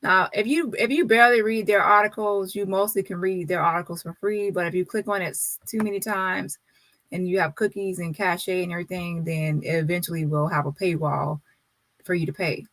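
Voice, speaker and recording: A woman's voice: fairly low pitch, fairly even intonation, brisk, fairly bright tone, no room sound, poor audio. A woman doing casual commentary, reading news aloud and adding sassy, dramatic, slangy asides as the host. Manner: sassy, dramatic reactions with slang like "child", "hunty", "y'all".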